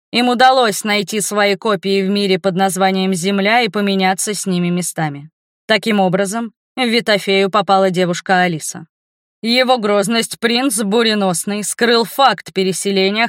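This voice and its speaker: A woman reading the lines of a formal male academy rector in an audiobook, in a measured, official way. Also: medium pitch, no room sound, studio quality, lightly acted. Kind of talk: audiobook narration.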